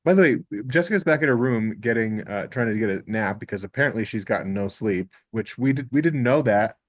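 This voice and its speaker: A man's voice: fairly low pitch, animated, fairly quick, no echo. Brief: male co-host, playful catty recap chat, very dry close mic. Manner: playful, catty, quotes characters in funny voices. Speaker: podcast co-host. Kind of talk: casual episode recap chat.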